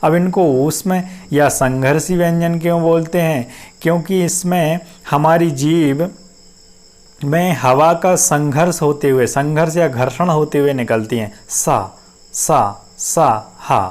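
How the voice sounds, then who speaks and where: A man teaching a class, who explains step by step, repeats each term, sounds out syllables slowly and often asks whether it is clear. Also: a little high, a little mellow. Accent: Hindi-speaking North Indian. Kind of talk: classroom-style lecture.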